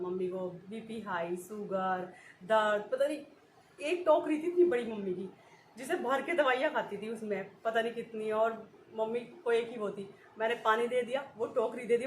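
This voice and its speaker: A woman vlogger chatting casually to her viewers, telling a rambling story with frequent giggles. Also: fairly high pitch. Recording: echoey room with faint ambient noise.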